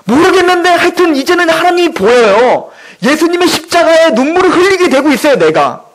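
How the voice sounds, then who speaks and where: A man's voice: very high-pitched, big pitch swings, brisk, fairly bright tone, rough recording. A male pastor preaching a sermon in church, emphatic and full of rhetorical questions.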